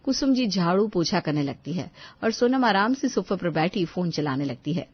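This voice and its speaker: A woman narrating a cartoon story in a steady, scripted way. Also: fairly low pitch, moderate pace, husky, no room sound. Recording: dull lo-fi voice-over.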